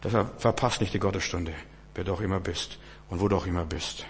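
A man preaching a sermon in church, swinging from hushed low passages to loud, fervent outbursts and often stammering restarts. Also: fairly quick, a little hiss or hum. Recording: long church hall reverb.

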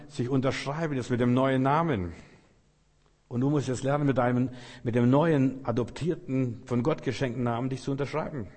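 A male preacher giving a fervent sermon, dropping to soft murmurs and rising to loud outbursts. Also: mid-range voice. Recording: long hall reverb.

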